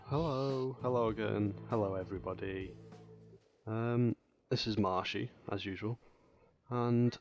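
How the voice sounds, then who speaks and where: A man's voice: fairly low pitch, muffled recording. Rambling male gaming tutorial host. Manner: rambling, hesitant, many fillers and restarts. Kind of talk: casual gameplay tutorial commentary.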